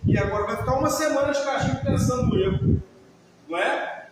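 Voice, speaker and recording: High-voiced Brazilian man in an echoing hall. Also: fairly quick. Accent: Brazilian Portuguese. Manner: conversational, asks the audience questions. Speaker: lecturer on emotional healing. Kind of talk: live talk to an audience. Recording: echoey hall, far from the mic, faint hiss.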